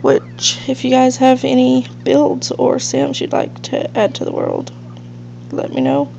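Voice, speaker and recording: A woman hosting a let's play rambles casually about the game in a high, creaky, dark-toned voice that swings widely in pitch at a measured pace. She sounds nasal, congested and sniffly, like she has allergies. The dull lo-fi mic picks up faint hiss and hum.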